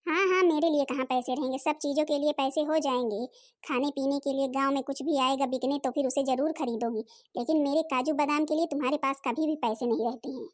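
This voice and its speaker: A woman's voice: high voice, steady tone, fairly quick. A woman voicing every figure of a cartoon family drama, from a sweet mother-in-law to scheming and scolding daughters.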